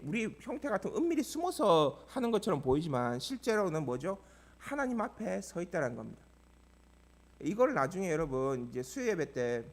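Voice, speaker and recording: A male pastor preaching a sermon, animated, asking the congregation rhetorical questions. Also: sits high.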